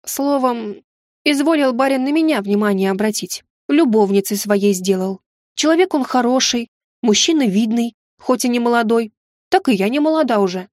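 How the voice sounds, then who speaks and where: A woman's voice: a little high, lively intonation, normal speed, a little mellow, dry recording, clean studio sound, natural voice. A woman reading an audiobook voices a sly, tearful middle-aged maid who speaks in a folksy, old-fashioned, plaintive way.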